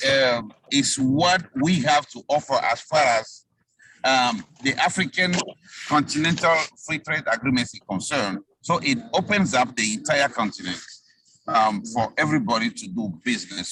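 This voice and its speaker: A man presenting remotely over a video call whose connection keeps breaking up. He talks haltingly, with many fillers. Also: mid-range voice, animated, a bit bright, slight background noise, low-quality recording. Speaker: panelist on an investment webinar.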